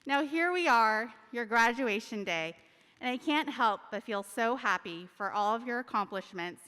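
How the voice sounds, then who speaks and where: A woman teacher giving a fond, joking graduation speech at a high school ceremony in a large hall. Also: expressive, moderate pace, bright, forceful tone, clean tone. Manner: fond and joking, with small laughs. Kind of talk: heartfelt prepared speech, read aloud. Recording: long reverb of a large hall.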